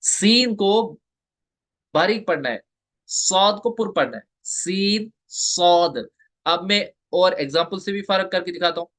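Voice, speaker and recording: A man giving an online tajweed lesson, explaining step by step and slowly repeating the letter sounds for his students. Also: high-pitched, a bit bright. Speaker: Quran recitation teacher.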